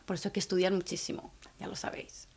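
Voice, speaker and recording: A woman from teaching Spanish to learners, speaking slowly and clearly and often checking in with the viewers. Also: lowish voice, level tone, a little mellow. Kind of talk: scripted video lesson for learners.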